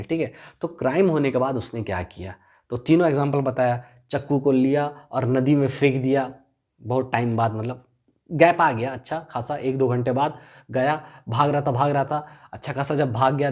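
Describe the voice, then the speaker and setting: A man's voice: medium pitch, a little mellow. A man lecturing on law in Hindi-English classroom style, who keeps asking rhetorical questions and answering them himself while repeating key terms. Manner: constantly quizzes the listener and answers himself; repetitive, drills key terms.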